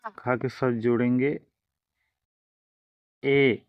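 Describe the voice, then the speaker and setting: A man's voice: mid-range voice, flat delivery, very slow, dry recording, highs cut off. A man teaching a language lesson, explaining each step patiently and drawing out the example sounds.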